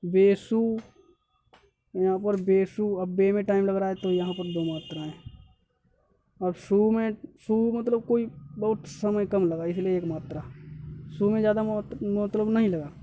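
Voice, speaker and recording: A man's voice: high voice, fairly even intonation, normal speed, warm tone. A male teacher giving an exam-prep grammar lesson, repeating points and correcting himself often as he explains step by step.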